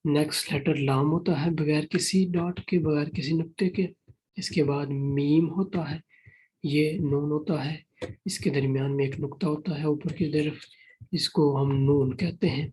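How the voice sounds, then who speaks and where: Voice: mid-range voice, fairly even intonation, mellow, a little hiss or hum, poor audio. A Quran reading teacher giving a beginner alphabet lesson, patiently repeating each point and mixing in English words.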